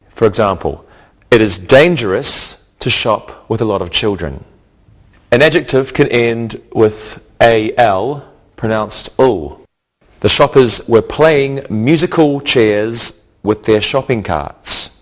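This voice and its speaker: A man teaching an English lesson, spelling out word endings letter by letter and giving example sentences. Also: mid-range voice. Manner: slow, deliberate, spells out letters. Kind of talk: slow classroom lesson with examples.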